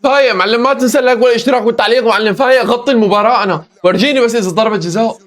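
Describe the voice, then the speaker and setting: Hoarse levantine guy reacting live to a football match, fast and high, groaning at every chance. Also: fairly bright tone. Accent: Levantine Arabic. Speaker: football reaction video host.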